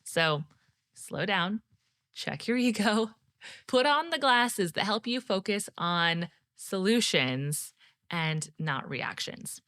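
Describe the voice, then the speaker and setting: A woman's voice: mid-range voice, lively intonation, takes it slowly, fairly bright tone, no echo, studio quality. A woman in her thirties hosting a podcast, coaching leaders directly and addressing the listener as a friend. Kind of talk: scripted solo podcast teaching.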